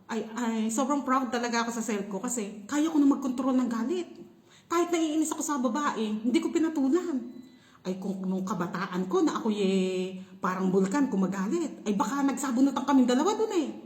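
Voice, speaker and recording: A young Filipina woman telling a story in a casual vlog, animated and laughing often. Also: fairly high pitch, brisk, echoey room. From Philippines. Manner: animated, laughing, shrieks when reenacting. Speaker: vlogger.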